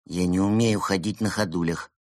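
A man voicing a timid, grumbling male penguin in a storybook reading, with a husky tone. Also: mid-range voice, a little fast, fairly bright tone, no room sound, clean studio sound, voice pushed up. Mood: grumbling, reluctant. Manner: grumbling, reluctant.

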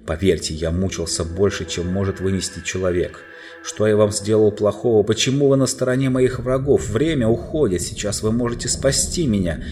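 A man's voice: lowish voice, fairly quick, darkish tone, faint music behind, natural voice. A man reading aloud and voicing a desperate, enchanted young knight who is tied to a chair, pleading passionately. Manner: impassioned, pleading then raging.

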